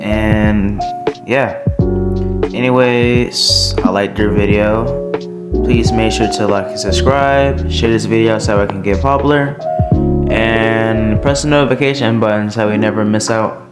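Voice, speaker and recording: A man's voice: lowish voice, fairly even intonation, measured pace, over loud music. A man hosting a reaction video, talking casually and rambling with lots of filler words. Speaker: video reactor, channel host.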